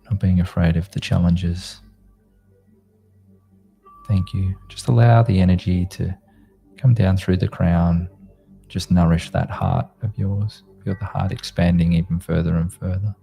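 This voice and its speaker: Deep, very mellow man guiding meditation like a sleep story. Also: level tone, vocal fry, faint music behind. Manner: slow, gentle, soothing delivery with short spaced phrases. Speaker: meditation guide, host of a live group session. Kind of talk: guided meditation, soothing like a sleep story narrator.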